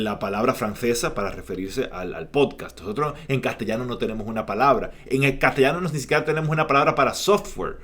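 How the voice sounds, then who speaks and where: A man's voice: medium pitch, a bit bright. A man co-hosting a casual podcast, explaining word meanings in a patient, lecturing way. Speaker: podcast co-host.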